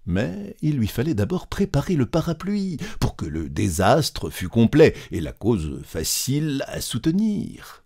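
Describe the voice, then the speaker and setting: A man narrating an audiobook with expressive, deliberate storytelling. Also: medium pitch, vocal fry, breathy edge.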